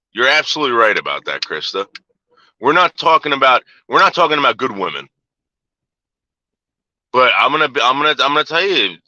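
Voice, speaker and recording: Ranting man with a bright, dry voice. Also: mid-range voice, dry recording, highs cut off. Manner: profane, repetitive, restarts often. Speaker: livestream host reading chat. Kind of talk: casual ranting chat.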